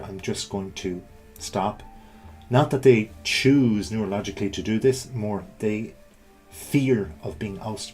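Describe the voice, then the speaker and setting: A man's voice: lowish voice, a little mellow. A middle-aged man presenting an informal explanatory talk, conversational, often checking in with the listener. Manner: conversational, rhetorical check-ins.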